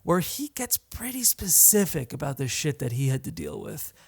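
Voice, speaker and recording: A man's voice: on the high side, normal speed, gravelly, breathy edge. A man co-hosting a podcast, joking around playfully in casual banter and teasing his co-host. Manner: playful, jokey, animated storyteller.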